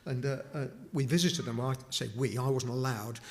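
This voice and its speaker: A middle-aged man from Newcastle upon Tyne, England, speaks at normal speed in a mid-range voice. He's a charity speaker at a chapel, giving the congregation an informal, conversational talk full of restarts and asides.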